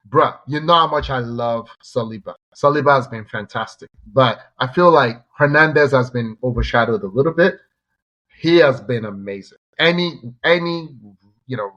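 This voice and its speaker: A man's voice: mid-range voice, fairly bright tone, dull audio. A man co-hosting a podcast, chatting casually about sports and eagerly jumping in to make his points. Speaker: podcast co-host.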